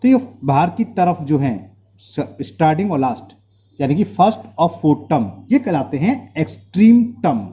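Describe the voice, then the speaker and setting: A man's voice: fairly high pitch, sing-song, normal speed, warm tone. A man with an Indian accent teaching a maths lesson, quizzing the class and repeating terms, with slight trouble speaking from mouth sores. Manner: asks the class rhetorical questions, drills terms by repetition.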